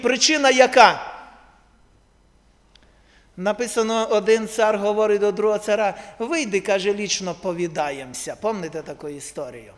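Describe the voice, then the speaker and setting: A man preaches in a church hall, his voice unusually high for a man. He keeps turning to the congregation with rhetorical questions and folds in everyday stories from his own family. Long reverb from the hall trails behind each phrase. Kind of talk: sermon to a congregation.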